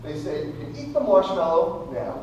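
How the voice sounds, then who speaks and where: A man's voice: high-pitched, big pitch swings, normal speed, a little mellow. A man performing comic patter in the manner of a kids party magician, playful and exclamatory, acting the bumbling showman with a volunteer. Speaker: stage magician. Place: echoey room at a live magic show. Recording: very echoey room, distant mic, faint noise.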